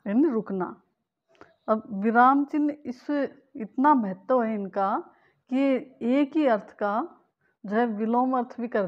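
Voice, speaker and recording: A woman teacher giving a patient grammar lesson to students, explaining slowly and repeating key points. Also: medium pitch, dull audio. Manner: slow, patient explaining with repetition.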